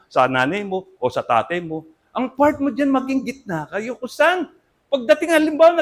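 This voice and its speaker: An older Filipino pastor with a high-pitched voice preaches a sermon earnestly, mixing Tagalog-accented English with Tagalog. He swings between loud emphasis and soft asides.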